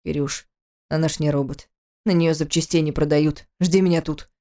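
A calm older uncle, quiet and gently dry, voiced by a woman reading the story. He speaks low and soft, close to the reader's own deep, mellow voice. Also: moderate pace.

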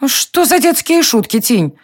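A woman voicing a quick-tempered elf queen, exclaiming indignantly in a storybook reading. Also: high-pitched, sing-song, voice pushed up, exaggerated voice.

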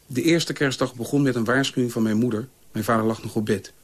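A man reading a personal memoir aloud in a calm, measured way. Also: medium pitch. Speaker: reader.

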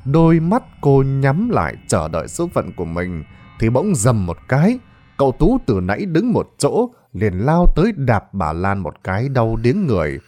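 Lively male ghost story narrator. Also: mid-range voice, normal speed, faint music behind. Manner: theatrical, lively delivery. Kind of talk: dramatic storytelling.

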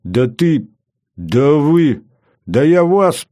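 A man's voice: a little high, big pitch swings, extremely slow, warm tone, pitched above the performer's own voice, full character voice. A man reading an audiobook, voicing a cheeky, hot-headed young soldier who sneers and sputters. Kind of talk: audiobook character voice.

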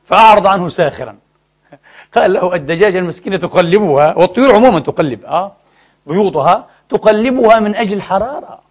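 A man delivering a sermon in a high, quick voice. He drives his points home with emphatic rhetorical questions to the congregation. He weaves in stories and asides as he goes. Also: animated. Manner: storytelling with asides and jokes. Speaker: preacher.

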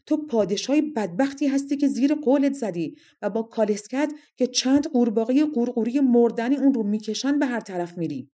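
A woman voicing an angry, proud young princess who speaks in shrill, indignant outbursts. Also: expressive, hardly any pauses, dark tone.

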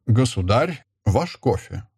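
A man voicing a loyal valet who doubles as a spy chief, reporting in a quiet, low voice. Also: sing-song, takes it slowly, creaky, husky, no echo, studio quality, full character voice. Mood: hushed.

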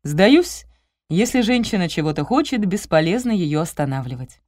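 A woman's voice: on the low side, sing-song, moderate pace, darkish tone, no room sound, clean studio sound. A woman reading the lines of a teasing, easygoing male friend and colleague in an audiobook.

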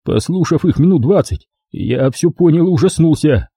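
A male audiobook reader telling a story in the first person, conversational and confessional. His husky, dark voice moves lively in pitch, recorded close and dry. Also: normal speed, no room sound.

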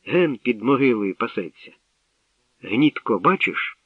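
A man voicing a lively young girl who poses as a boy guide, speaking briskly and cheerfully, in a tinny, distant radio recording. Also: medium pitch, breathy edge, no echo, pitched above the performer's own voice.

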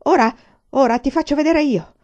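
A brutish army sergeant, as a woman reader puts him on, raised and loud, barking each order in a storybook reading. The voice is mellow and soft-edged underneath the shouting. The recording is dull and lo-fi. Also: mid-range voice, expressive, moderate pace, lightly acted. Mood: roaring. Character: rough bullying male army sergeant.

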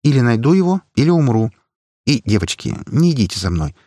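A man voicing Min, a grim, loyal young woman bodyguard who speaks flatly and categorically. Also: mid-range voice, fairly quick, dry recording, clean studio sound, pitched above the performer's own voice. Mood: resolute. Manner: flat, categorical.

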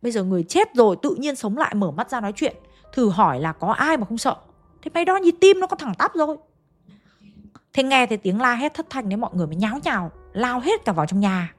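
A woman narrates a ghost story in a chatty, conversational way, often asking her listeners questions. Her voice sits slightly high, with soft music playing faintly underneath. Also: big pitch swings, fast talker. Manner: chatty, addresses listeners directly.

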